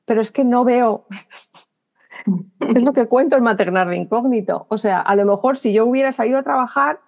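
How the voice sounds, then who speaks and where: On a podcast interview, a middle-aged Spanish writer with a Spanish accent briskly tells stories and acts out remembered dialogue. Her voice is on the high side with a darkish tone, and she talks in quick bursts, often restarting and correcting herself.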